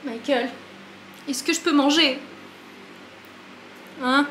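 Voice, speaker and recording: Talking slowly in a slightly high, somewhat bright voice, a chatty woman vlogger narrates a casual home vlog in a frazzled, self-mocking tone. The echoey kitchen carries a faint hum of room noise behind her.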